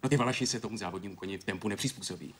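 An actor playing a brisk, demanding male factory director who lectures his staff in a firm, persuasive way, in a 1980s TV series. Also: lowish voice, a bit bright, slight background noise, lightly acted. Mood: firm, lecturing. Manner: lecturing, firm, argues with examples.

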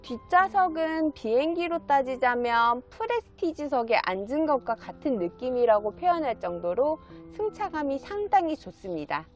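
A woman's voice: sits high, big pitch swings, normal speed, few pauses, soft background music. A woman used car dealer giving a polished, polite, promotional sales narration as she presents a car.

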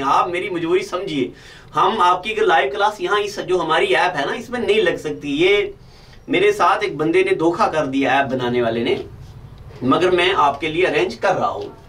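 A male teacher giving a recorded lecture to camera, dictating slowly and repeating points, calling his students "beta". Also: high voice, bright, forceful tone, far from the mic, poor audio. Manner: slow, deliberate dictation with repetition.

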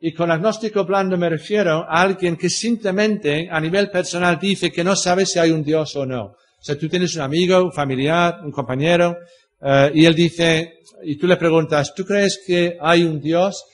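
Pastor type, older man with a British English accent, slightly high voice, explanatory Bible class teacher fond of rhetorical questions. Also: fairly even intonation, normal speed. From Britain.

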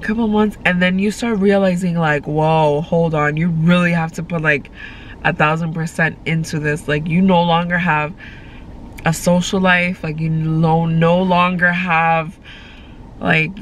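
In a rough recording, a congested young woman with a voice on the low side chats casually to camera from a parked car. She rambles with lots of fillers, holding her phone at arm's length, and faint car noise sits in the background.

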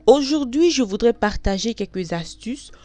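A woman's voice: fairly high pitch, expressive, moderate pace, warm tone, dry recording, faint music behind. A woman from Belgium, vlogging in a frank, chatty way with many hesitations. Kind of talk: casual talk to camera.

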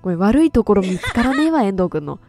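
A woman streamer doing loud, excitable let's play commentary into a close mic. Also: medium pitch, fast talker, no echo, faint music behind. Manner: excitable, loud, laughs often. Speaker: game streamer.

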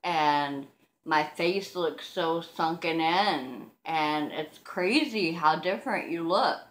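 Low-voiced toothless woman, slow and hesitant. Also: lively intonation. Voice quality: toothless speech, soft slurred articulation without teeth or dentures. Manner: hesitant, self-conscious. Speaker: vlogger. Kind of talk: casual talk to camera. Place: living room, seated on a couch indoors. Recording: roomy, echoing home recording.

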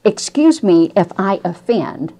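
A woman's voice: medium pitch, big pitch swings, slow, mellow. A woman voicing a brave, earnest young boy. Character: earnest thirteen-year-old boy, brave and questioning.

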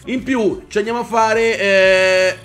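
A young man with a high voice talks his viewers through a wrestling video game. He sounds hyped, curses freely and shouts whenever something big happens on screen. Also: slow, soft background music. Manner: energetic, swears and shouts at the game. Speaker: gaming YouTuber. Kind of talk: excited gameplay commentary.

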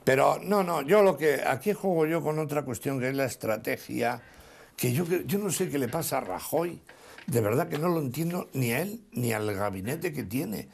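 A man with a Spanish accent arguing politics on a TV panel, animated, with many restarts. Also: mid-range voice, moderate pace, vocal fry, slightly rough. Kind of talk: heated political debate.

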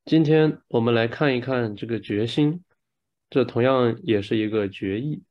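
A man's voice: medium pitch, moderate pace, dull audio. A man working as a live interpreter, rendering a speaker's words phrase by phrase right after each one. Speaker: live interpreter and session moderator.

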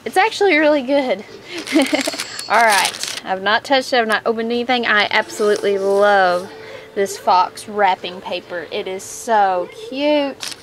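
A young woman opening presents at home on her vlog, gushing and gasping with excitement. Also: mid-range voice, a little hiss or hum. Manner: gushing, excitable, frequent gasps and exclamations. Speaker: vlogger. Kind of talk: casual unboxing vlog. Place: at home, with a TV on in the background. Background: paper crinkling.

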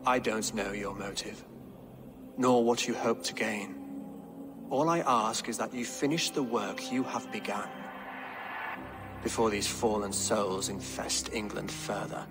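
An actor playing a dignified, guarded Saxon king in a video game, speaking formally in a measured, commanding way. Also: on the low side, fairly even intonation, over music, lightly acted. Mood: grave.

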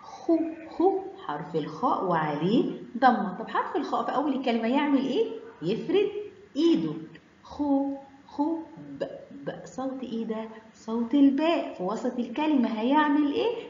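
A woman's voice: sits high, very animated, moderate pace, darkish tone, slight background noise. A woman with an Egyptian Arabic accent teaching children the alphabet, stretching out each letter sound in a sing-song way. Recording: echoey room, dull lo-fi sound.

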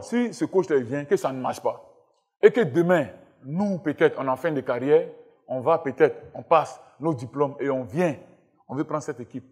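Emphatic husky man from Burkina Faso. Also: medium pitch, darkish tone. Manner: emphatic, insistent, repeats himself. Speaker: guest footballer. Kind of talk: talk show guest interview. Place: television studio with live audience.

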